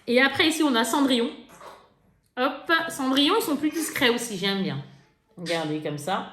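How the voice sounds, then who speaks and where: A chatty woman vlogger talks through a makeup haul, laughing and teasing herself as she goes. Her pitch swings up and down a lot. She sounds a bit roomy and echoey, with a faint hiss behind her. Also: moderate pace. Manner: chatty, laughing, lively, self-mocking. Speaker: beauty vlogger. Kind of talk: casual haul vlog. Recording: echoey room with faint noise.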